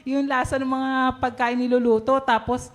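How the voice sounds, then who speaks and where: A woman shares her testimony at a prayer meeting, her voice sitting a little high. She talks cheerfully, laughs often and acts out little quoted scenes. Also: level tone, normal speed. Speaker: church member giving testimony.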